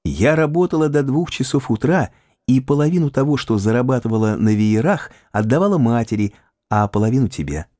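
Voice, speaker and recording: A man reading an audiobook, voicing an adoring, playful young woman in a lilting raised voice, soft and eager. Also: mid-range voice, animated, fairly quick, no echo, studio quality, voice pushed up, close to an everyday voice. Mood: playful tender.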